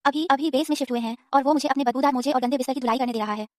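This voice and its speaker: Jealous young wife played by a woman, dubbed drama, scheming, resentful, high voice. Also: steady tone, rapid-fire, no echo, clean studio sound, lightly acted. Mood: complaining. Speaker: officer's wife, the sister.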